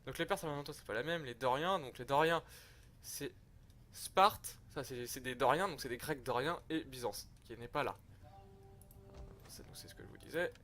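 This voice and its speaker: A man's voice: mid-range voice, normal speed, pushed and bright, a little hiss or hum. A young man giving rambling, slangy, self-mocking commentary over a strategy game he is playing. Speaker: gaming youtuber. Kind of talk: casual gameplay commentary.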